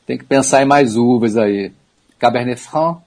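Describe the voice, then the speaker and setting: A man of middle pitch with a husky edge speaks as a radio wine commentator. He explains patiently and informally, dropping in quick asides and the odd chuckle. He sounds close to a studio microphone. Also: darkish tone. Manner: easygoing and teaching, with small asides and laughs.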